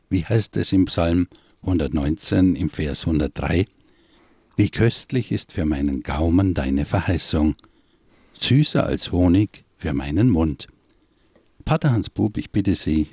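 A man's voice: extremely low pitch, mellow, breathy edge, dry recording, clean studio sound. A man hosting a religious radio show, formally and courteously introducing his guest. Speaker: radio host.

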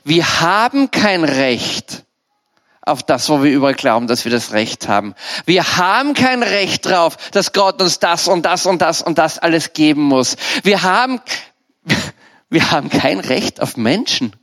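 A male preacher, delivering a sermon in a fairly high voice. He talks to his listeners one to one, conversational and direct, as if across a table. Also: lively intonation, measured pace, a bit bright.

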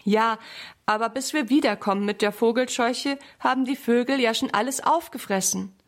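A woman's voice: fairly high pitch, normal speed, natural voice. A woman voicing an eager, earnest little boy in a children's storybook reading. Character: excited little boy Sammy guarding strawberries.

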